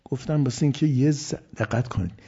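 A man giving a religious sermon, swinging between loud emphasis and hushed, near-whispered lines. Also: mid-range voice, husky. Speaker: preacher. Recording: dull lo-fi recording.

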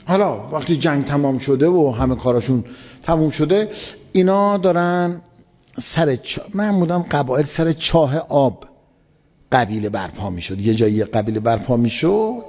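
A man's voice: medium pitch, animated, mellow, husky. A man preaching, retelling an old story in casual speech and repeating words for emphasis. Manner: vivid retelling with emphatic repetition. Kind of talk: colloquial religious storytelling lecture. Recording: long hall reverb, dull lo-fi sound.

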